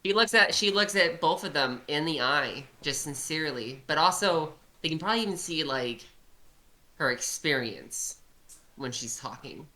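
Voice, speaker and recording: A woman's voice: low-pitched, animated, moderate pace, bright, forceful tone. A woman chatting casually as a tabletop game player, narrating what her character does.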